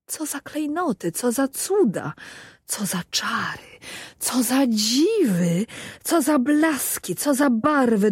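A woman voicing a pompous sultan of about fifty who speaks slowly and grandly. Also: on the low side, a little mellow, no echo, clean studio sound. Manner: slow, drawn-out, stately.

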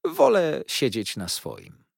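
A man's voice: mid-range voice, huge pitch swings, slow pace, gravelly, breathy edge, no echo, pitched above the performer's own voice, heavily acted. A man reading an audiobook voices a stern, brusque older aunt who speaks in a dry, commanding way.

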